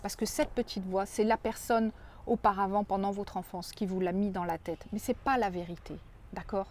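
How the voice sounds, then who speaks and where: A woman coach speaking directly to viewers in a gentle, reassuring way, often repeating phrases for emphasis. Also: medium pitch, steady tone, moderate pace. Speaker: personal development coach. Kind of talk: coaching video addressed to viewers.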